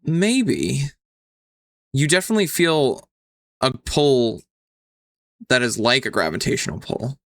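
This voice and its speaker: A man narrating as game master, describing scenes slowly with some ums. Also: medium pitch, a bit bright, clean tone, dry recording, studio quality.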